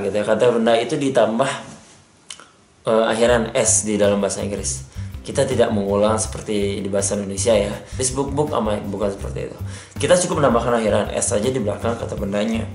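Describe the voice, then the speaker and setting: Male teacher, chatty lesson with frequent check-ins, roomy echo, faint guitar music underneath. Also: medium pitch. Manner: repeats "ya" and "oke", reads examples slowly. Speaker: English teacher. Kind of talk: casual explanatory lesson.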